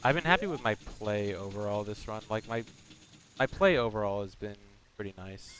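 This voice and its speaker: A young man, a speedrunner, chatting casually with stream viewers in a flat, monotone way, with many ums and restarts. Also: lowish voice, normal speed, slight background noise. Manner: hesitant, full of fillers.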